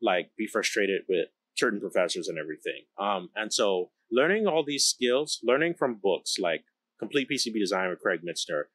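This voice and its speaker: In a dry recording from a close boom-arm podcast mic, a man in his thirties from the Bahamas gives a candid, emphatic account of his story. The company founder and engineer, seated on a large electronics production floor, has a lowish, fairly bright voice with a breathy edge, lively intonation and a moderate pace.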